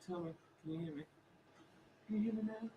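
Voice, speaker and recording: A man's voice: high-pitched, brisk, dark tone, lo-fi sound. A man on a casual live stream, sounding distant and hollow like he's down a well as he checks whether he can be heard from across a brewery bar. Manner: repeatedly asking if he can be heard. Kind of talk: casual chat while testing mics. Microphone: distant microphone across the bar.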